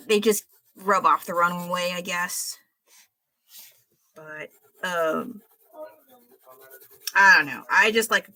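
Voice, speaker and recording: A woman's voice: fairly low pitch, sharp tone, no room sound. A young woman chatting casually and bluntly while drawing on her livestream, laughing at her own stories. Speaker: art livestreamer.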